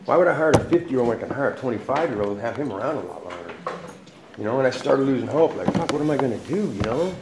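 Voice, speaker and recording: A man's voice: medium pitch, lively intonation, fast. Ex-con in his forties, slangy storytelling. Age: 40s. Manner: street slang, laughs often while talking. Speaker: former prisoner telling his story. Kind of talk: casual personal storytelling. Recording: echoey room with noise behind.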